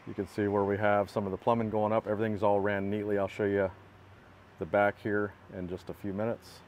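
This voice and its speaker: An equipment builder films himself on a phone in a parking lot, walking around a work truck and describing it in a plainspoken, matter-of-fact way. He talks briskly in a lowish, level, slightly mellow voice, with a faint hiss or hum on the recording.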